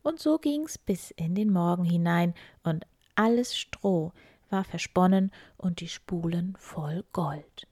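A woman reading a fairy tale aloud in a slow, hushed, breathy voice. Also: fairly low pitch, no room sound. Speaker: storyteller. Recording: dry close recording.

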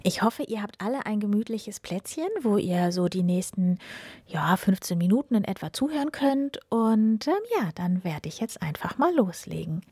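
A woman's voice: medium pitch, expressive, normal speed, mellow, breathy edge, no echo, studio quality. Friendly young woman reading a fairy tale. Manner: friendly, chatty welcome. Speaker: storyteller host.

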